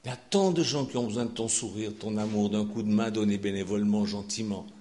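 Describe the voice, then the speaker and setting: An older man preaching a sermon in a chapel, expressive and jovial, swinging from loud declarations to hushed asides. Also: fairly low pitch, quick pace. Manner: warm, expressive preaching with laughter and sudden shifts between loud and hushed. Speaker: pastor.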